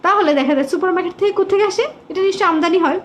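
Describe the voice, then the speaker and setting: A woman teacher with a high voice leads a live online English class. She speaks patiently, repeats her questions and stretches English words out slowly for her pupils. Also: a little hiss or hum.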